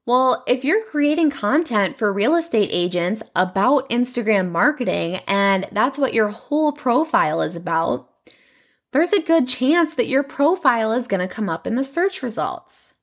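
A woman's voice: on the high side, sing-song, moderate pace. A young woman hosting her own podcast, chatting in a casual, upbeat way with lots of "you know" fillers. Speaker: podcast host.

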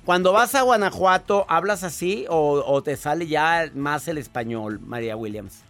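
A man's voice: on the high side, animated, a bit bright, faint music behind. Teasing man hosting radio. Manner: teasing, quick interjections. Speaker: radio show host. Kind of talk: joking call-in radio banter.

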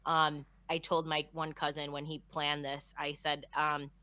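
A woman's voice: deep voice, level tone, unhurried, pushed and bright, no echo. A woman of about thirty chatting on a podcast, earnest and joking. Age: 30s. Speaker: co-host. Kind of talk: casual podcast chat.

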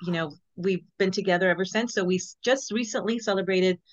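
A woman in her fifties, born in El Salvador and raised in Los Angeles, tells her own story as a podcast guest. She talks conversationally and fairly quickly in a mid-range voice, often dropping in "you know," and the audio sounds dull.

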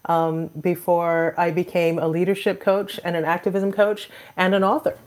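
A woman in her forties from Trinidad and Tobago speaks as a podcast guest in a fairly low voice. She answers in a friendly, thoughtful way, with the odd light laugh. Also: level tone, moderate pace. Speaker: author and coach, podcast guest. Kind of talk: casual interview answers.

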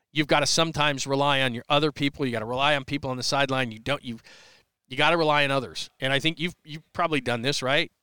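A man's voice: mid-range voice, pushed and bright, clean tone, no echo, clean studio sound. A middle-aged man hosting a sports talk show, chatting loosely and rambling with many restarts as he answers a listener's question. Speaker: sports radio host. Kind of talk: live podcast chat answering listener questions. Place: press area at a big sports event.

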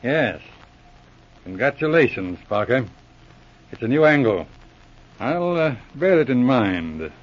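An actor playing a cool, shrewd police inspector with clipped commands in a 1940s radio adventure serial. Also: male voice, medium pitch, sing-song, takes it slowly, long pauses, husky, full character voice. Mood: defiant, composed. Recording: muffled old radio recording.

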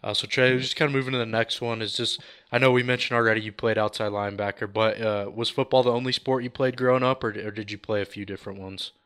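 A man's voice: lowish voice, steady tone, fast, few pauses, fairly bright tone, smooth. A male podcast host running a casual, friendly interview. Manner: friendly, asks questions.

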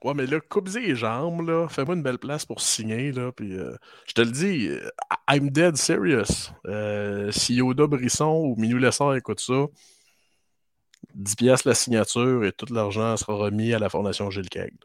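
A man's voice: medium pitch, normal speed, no echo, clean studio sound. A man co-hosting a podcast, tossing out wry, teasing quips. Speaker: podcast co-host. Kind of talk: casual chat.

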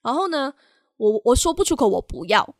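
A young woman co-hosting a podcast, telling a personal story in a halting, candid way and slipping into English phrases now and then. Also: fairly high pitch, big pitch swings, dry recording, studio quality. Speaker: podcast co-host.

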